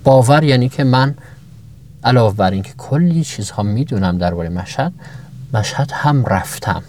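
A man's voice: mid-range voice, animated, a little mellow, slight background noise. A man giving a motivational self-knowledge talk to his listeners, asking many rhetorical questions and stacking up examples, his voice often jumping upward for emphasis.

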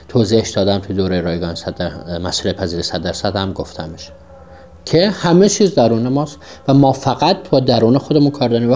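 Guy with a lowish voice giving a self-help lesson, keeps repeating himself and firing off questions. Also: darkish tone, a little hiss or hum. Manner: repetitive, emphatic, asks himself rhetorical questions. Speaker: self-development teacher. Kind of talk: teaching podcast monologue.

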